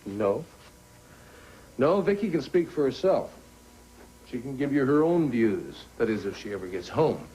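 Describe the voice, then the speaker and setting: An actor playing a candid male friend giving advice in a soap opera, with a husky voice. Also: medium pitch, big pitch swings, measured pace, pauses often, warm tone, slight background noise, rough recording. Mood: worried.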